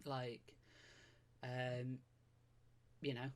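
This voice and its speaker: Speaking extremely slowly in a flat, medium-pitched voice, this Greater Manchester man is a guest on a streamer's casual podcast. His talk rambles and turns self-deprecating, full of fillers and restarts.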